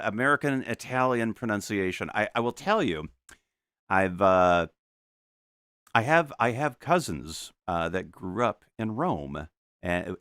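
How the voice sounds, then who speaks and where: On a live stream from his home studio, a middle-aged man paints and chats casually into a desk microphone, rambling, interrupting himself, stammering through restarts and chuckling often. His voice sits fairly low, a bit bright, clear and resonant, with no echo.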